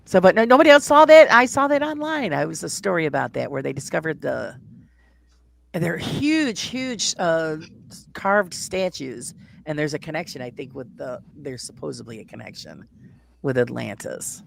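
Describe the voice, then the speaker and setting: A chatty quiz host on a live stream with a gravelly edge and a pitch that swings up and down a lot. The talk is casual and rambling, full of restarts and hedges. It comes through a video call mic. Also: animated, moderate pace.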